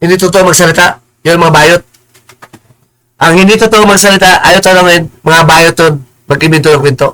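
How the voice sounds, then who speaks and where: A man with a bright, sharp voice rants on a live stream. He is combative and insulting, stammers and repeats words, and now and then slows into preachy English phrases. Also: a little high, low-quality recording. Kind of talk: heated live-stream rant.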